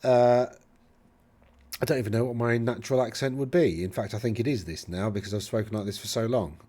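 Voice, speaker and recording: Reviewing tournament lists in casual solo commentary, an English host with a Middle England accent speaks fairly quickly in a mid-range, dark-toned voice. His delivery is rambling and full of chatty asides and frequent self-corrections.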